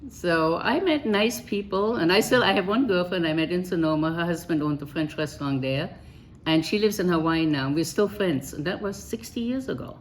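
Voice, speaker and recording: A woman's voice: fairly low pitch, moderate pace. An older woman from Germany, speaking English, telling her life story in an oral history interview in a chatty, matter-of-fact way.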